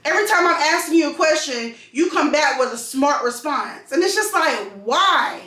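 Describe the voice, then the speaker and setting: Woman, high-pitched, casual emphatic venting, recorded in an echoey room. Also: expressive, moderate pace, bright, forceful tone. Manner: emphatic, repeats phrases for stress. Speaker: vlogger and call center customer service worker.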